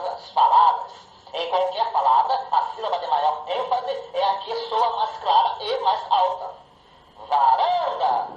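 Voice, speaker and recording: A man's voice: high-pitched, echoey room, dull audio. A man comically reading out a diction lesson, exaggerating each exercise with theatrical, swooping delivery. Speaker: comedian.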